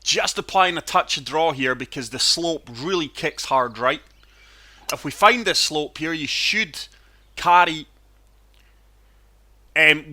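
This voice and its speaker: Chesty, wheezy man with a bright voice. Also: a little high. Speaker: gaming channel host and player. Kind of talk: casual golf game commentary.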